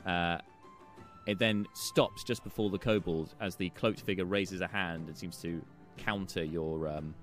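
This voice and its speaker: A man narrating a tabletop game as game master, improvising and often halting to search for his phrasing. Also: low voice, steady tone, faint music behind.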